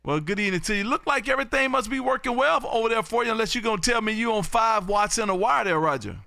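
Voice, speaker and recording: Creaky, bright and forceful, this American man's high-pitched voice moves at a quick pace as he runs a lively amateur radio live stream. He chats casually with callers in folksy, repetitive patter. The sound is clean studio quality with no room sound.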